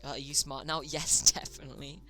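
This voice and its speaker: Bright chatty streamer running a chat game, trips on words a lot, bit of music in the back. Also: medium pitch, level tone, a little fast. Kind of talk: casual live-stream commentary.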